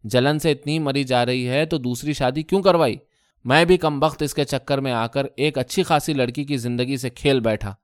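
An exasperated middle-aged husband, voiced by the male narrator bellows at his quarrelling wife. The voice stays smooth and clear, dry and close to the mic. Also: medium pitch, no room sound, close to an everyday voice. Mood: roaring. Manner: roaring, exasperated.

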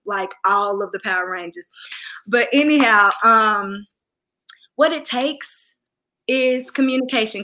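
A woman with a Southern US accent chatting casually in a goofy, loud, down-home country way. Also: medium pitch. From Southern United States. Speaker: musician guest. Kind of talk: casual chat.

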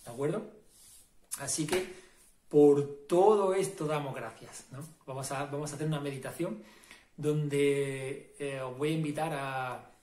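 A man leads a casual self-help and meditation talk, speaking with a slightly high voice. He is emphatic and repetitive, and keeps checking in with the listener. The recording has a noticeable room echo. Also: a little slow, darkish tone. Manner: emphatic, repetitive, asks "¿no?" and "¿vale?". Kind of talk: casual motivational talk to camera.

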